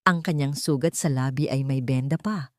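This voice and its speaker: Speaking at a normal pace in a slightly mellow tone, a Filipino-accented woman narrates a dramatic first-person audio story. Quoted lines from the characters make her pitch and volume climb. The sound is dry and of studio quality.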